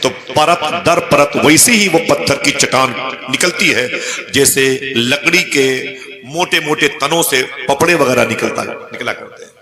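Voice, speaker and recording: A man telling a religious story in a sermon, impassioned and rising to near-shouts on the pleas. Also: a little high, normal speed. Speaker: preacher. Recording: echoey hall with live crowd. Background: crowd.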